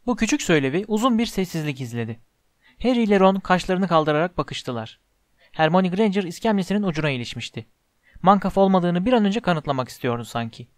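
A man reading a storybook aloud as an audiobook narrator, in a calm, measured way. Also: high-pitched, no room sound, studio quality.

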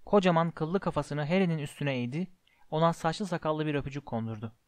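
A man reading a storybook aloud in a measured way, slowing down for descriptive passages. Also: fairly high pitch, no echo, studio quality. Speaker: audiobook narrator. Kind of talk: storybook narration.

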